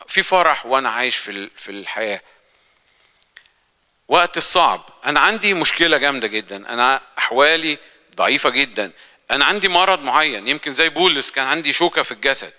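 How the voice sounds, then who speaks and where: A man's voice: mid-range voice, pushed and bright. A man with an Egyptian Arabic accent preaching a church sermon in an earnest, conversational way, asking the congregation questions. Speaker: lay preacher. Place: church hall. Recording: church hall reverb.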